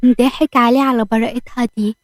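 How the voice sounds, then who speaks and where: A woman's voice: fairly high pitch, steady tone, fairly quick, no room sound. A woman with an Egyptian accent, narrating a story for her channel.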